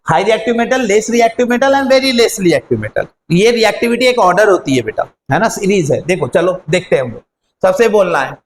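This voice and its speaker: A man's voice: sits high, a little hiss or hum, low-quality recording. A man teaching a chemistry lesson online, repeating key words and quizzing his pupils as he goes.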